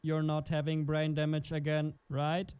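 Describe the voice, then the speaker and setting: A man voicing a male game AI in a plain monotone, robotic way. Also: on the high side, measured pace, clear, resonant tone, natural voice. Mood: mocking.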